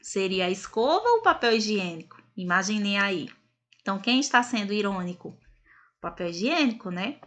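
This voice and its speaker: A woman's voice: medium pitch, sing-song, fairly quick, a bit bright. A woman teaching a recorded grammar lesson, explaining step by step and ending points with tag questions.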